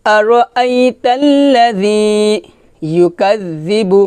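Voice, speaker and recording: A man leads a recitation lesson in a smooth, clear voice, spelling every syllable so students can repeat after him. He stretches the verses into a slow, measured chant, then drops into quick, plain explanation. The sound is close and dry. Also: sits high, lively intonation, darkish tone, no echo. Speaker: Quran recitation teacher.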